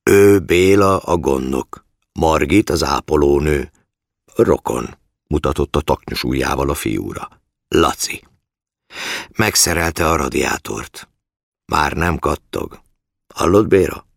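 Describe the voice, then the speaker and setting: A man voicing a frail, sniffling old man who talks in a calm, coaxing way. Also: a bass voice, creaky, dry recording, clean studio sound, full character voice.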